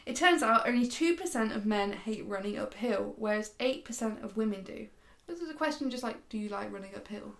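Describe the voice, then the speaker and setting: A woman's voice: a little high, animated, brisk, gravelly, a bit bright. A woman co-hosting a podcast in a chatty, self-mocking way, laughing often. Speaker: podcast co-host. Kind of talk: casual chat.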